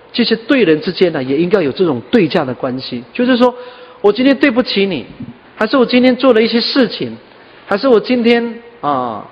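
A man's voice: fairly high pitch, big-room sound, highs cut off. A man preaching a sermon, dropping "ah" and "ha" fillers. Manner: scattered with "ah" and "ha" fillers, earnest. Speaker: pastor.

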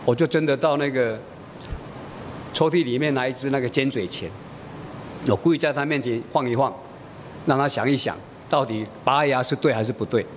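A man's voice: fairly quick, long pauses. Middle-aged male pastor telling a homely story. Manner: homely storytelling, acting out dialogue. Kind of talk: sermon illustrated with a family story. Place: church. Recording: reverberant church hall, faint rumble.

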